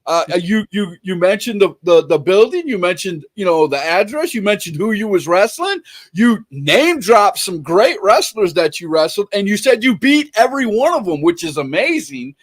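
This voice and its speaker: Here the host's voice sits high and sing-song, moving at a moderate pace. He reads viewer questions aloud during a relaxed online interview, eagerly repeating himself and starting over.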